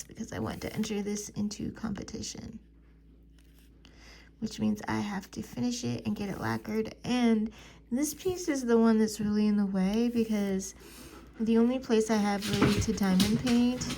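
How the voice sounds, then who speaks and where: A woman's voice: medium pitch, vocal fry. A married woman chatting casually at home in a crafting vlog, rambling with lots of fillers. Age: adult, married. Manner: rambling, warm-hearted, filler-heavy. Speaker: crafting vlogger. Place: home living room.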